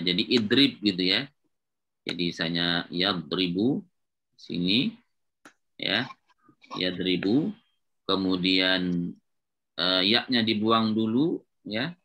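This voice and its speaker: Man, Arabic grammar lesson, lowish pitch, bright tone, patient and repetitive. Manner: patient, repetitive, checks with students often. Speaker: Islamic teacher of Arabic grammar. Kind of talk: classroom lecture at a whiteboard.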